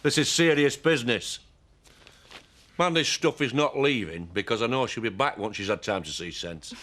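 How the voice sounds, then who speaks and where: In a television soap drama, an actor plays a menacing, possessive man defending his farmhouse, hostile, threatening, and contemptuous, sometimes growling low. His voice is a bit bright at normal speed, with a lightly acted delivery.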